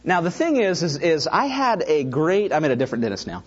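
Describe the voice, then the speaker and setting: A man's voice: on the high side, a little fast, highs cut off. A middle-aged man preaching a sermon, telling personal stories with asides to the congregation. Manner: animated storytelling with asides to the congregation. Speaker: pastor.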